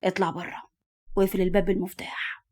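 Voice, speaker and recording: A woman voicing a scheming, possessive man who talks to his beloved in a low, hushed Egyptian Arabic voice. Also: flat delivery, quick pace, natural voice. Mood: tender.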